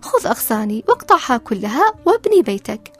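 Woman doing a tender, generous apple tree, storybook voice, husky tone, lively pitch, soft music below. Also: quick pace. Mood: kind. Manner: kind and tender. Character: gentle, generous old female apple tree. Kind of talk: storybook narration.

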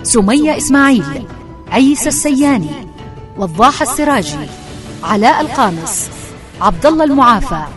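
A woman makes a formal radio drama announcement. Her fairly high voice is lively and sweeping, set over prominent music. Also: normal speed, long pauses. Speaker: radio announcer reading credits.

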